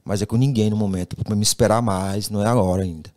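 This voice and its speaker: Guy on a podcast, rattles off his story quick, keeps acting out what everyone said. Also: lowish voice. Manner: animated, acts out quoted dialogue, says "velho" constantly. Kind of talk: casual storytelling.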